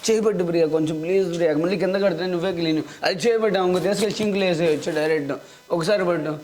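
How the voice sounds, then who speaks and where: A young man hosting a casual prank vlog at home, excitable and quick to repeat his words over and over. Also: sits high, slight background noise, low-quality recording. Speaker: prank video host. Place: at home indoors.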